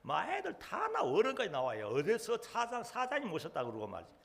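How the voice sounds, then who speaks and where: Animated, gravelly-voiced male pastor preaching. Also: sits high, brisk. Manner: animated, questioning the congregation. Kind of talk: sermon.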